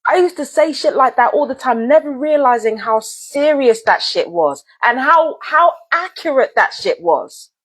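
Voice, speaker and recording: A woman vlogger in full rant, her voice pitched high with a breathy, husky edge. She swears a lot and circles back to the same lines again and again, talking straight to her audience. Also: animated, moderate pace, few pauses. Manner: angry, profane, repetitive. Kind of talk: heated direct-to-camera rant.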